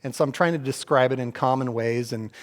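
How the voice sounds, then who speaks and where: A mid-pitched man from Oregon tells stories in an easy, casual church chat. He is animated and slips into other people's voices as he goes. The sound carries a long hall reverb. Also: fairly quick. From Oregon, USA. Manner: animated storyteller, acts out other people's lines.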